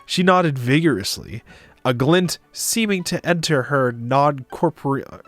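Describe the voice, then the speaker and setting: A man narrates a visual novel aloud for a stream, adding casual asides, in an expressive, medium-pitched voice at a somewhat slow pace. There's no room sound, and music plays behind him.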